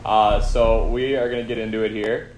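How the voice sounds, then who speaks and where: A man's voice: lowish voice, level tone, moderate pace, noisy background. A man hosting a casual live stream, chatting with viewers and answering their comments as he plays, with an echoey room sound and no headset. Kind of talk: casual live-stream chat while gaming. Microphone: no headphones, audio through device.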